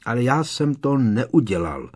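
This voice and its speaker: A man's voice: medium pitch, big pitch swings, a little mellow, pitched above the performer's own voice. A man voicing an exasperated teenage boy wizard in an audiobook, protesting insistently. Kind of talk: audiobook character reading.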